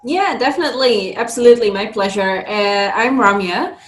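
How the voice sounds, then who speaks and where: A young woman from Singapore talks as a podcast guest about her path into coaching. She speaks at a middle pitch, pausing with thoughtful fillers. Her voice rings in a roomy, echoey space. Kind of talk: conversational interview.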